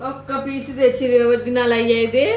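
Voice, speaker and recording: A woman's voice: on the high side, level tone, fast talker, a loud crowd. A mother, teasing and chatting with her family at home. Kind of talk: casual family chat. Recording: echoey room with background noise.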